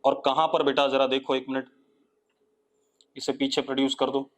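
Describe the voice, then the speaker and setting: A man with an Indian accent teaches a live online physics class in a medium-pitched, monotone voice. He coaxes students with repeated questions and dictates definitions slowly.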